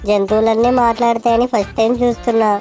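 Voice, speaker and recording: A woman voicing a touchy, quick-tempered robot cat in a cartoon fan dub, bickering and matter-of-fact. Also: fairly high pitch, flat delivery, warm tone, soft background music, natural voice.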